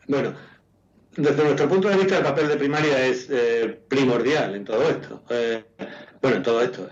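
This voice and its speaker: Muffled Andalusian man, measured and hesitant. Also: medium pitch. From Andalusia, Spain. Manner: hesitant, measured explaining with repeated words. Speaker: doctors' union president, interviewee. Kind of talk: interview answer. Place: remote call into a TV programme. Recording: muffled lo-fi call with clear noise.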